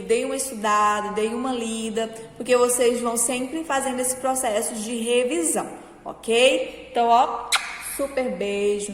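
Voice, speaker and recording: A woman teacher giving a slow, patient review lesson to children, often checking that they follow along. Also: fairly high pitch. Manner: slow, patient, encouraging, checks understanding with "certo?". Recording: echoey room with long reverb.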